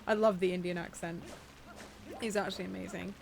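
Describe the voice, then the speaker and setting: A woman's voice: fairly low pitch, steady tone, fairly quick, gravelly, darkish tone. A young British woman co-hosting a gaming channel, chatting casually over gameplay and laughing often.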